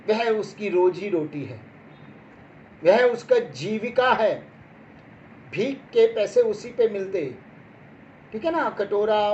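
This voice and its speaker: A woman preaching a Bible sermon at an unhurried, deliberate pace, circling back over her points and pressing them home. She often pauses to check in with her listeners. The recording sounds dull and lo-fi, with a faint hum of background noise. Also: medium pitch, darkish tone. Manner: repetitive, emphatic, checks in with listeners.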